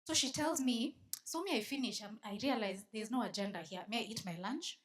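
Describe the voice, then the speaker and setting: A woman's voice: on the high side, fairly quick. A Kenyan woman giving a storytelling talk to a live audience at a conference, switching between English and Swahili and teasing the crowd. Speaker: conference speaker. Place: conference venue.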